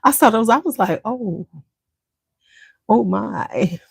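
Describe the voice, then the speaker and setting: A woman's voice: on the high side, expressive, slow, gravelly, breathy edge, no room sound. A woman hosting a beauty livestream, chatting casually and slangily straight to her viewers.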